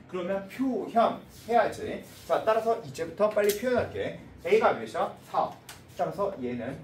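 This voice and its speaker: A man teaching a math lesson, his voice rising and falling in a lively, swinging way. He talks briskly and keeps checking that the class follows along. The sound comes from a distance in an echoey room. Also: high-pitched, slight background noise. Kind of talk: classroom lecture.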